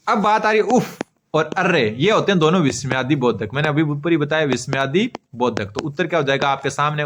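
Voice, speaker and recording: A man's voice: a little high, fairly bright tone. A man teaching an exam-prep grammar lesson, asking questions and answering them himself, repeating key terms while he writes on a board.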